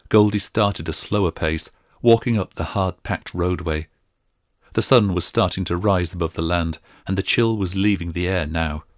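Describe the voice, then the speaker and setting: A male audiobook narrator with a deep voice delivers scripted narration. The recording is dry and studio quality.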